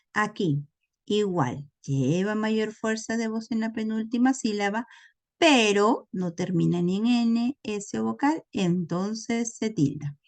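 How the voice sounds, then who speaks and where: A woman's voice: mid-range voice, darkish tone. A woman teaching a recorded lesson, explaining patiently and often checking in with her listeners. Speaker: language teacher.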